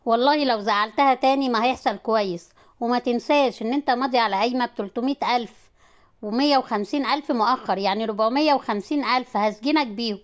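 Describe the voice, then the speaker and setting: A stern Egyptian father-in-law who threatens and scolds, voiced by a woman reading a story. He talks fast and a little lower than her own voice. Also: natural voice. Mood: angry scolding. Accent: Egyptian Arabic. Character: angry older man, protective father-in-law.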